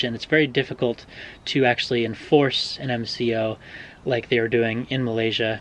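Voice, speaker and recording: A young American man talks through viewer questions in a laid-back vlog, pausing often on ums and uhs. His voice sits at an ordinary middle pitch. A faint hum of background noise runs under the recording. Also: rough recording. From Oregon, USA. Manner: relaxed, hedging, many ums and uhs. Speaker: vlogger answering viewer questions. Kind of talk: casual explanatory vlog.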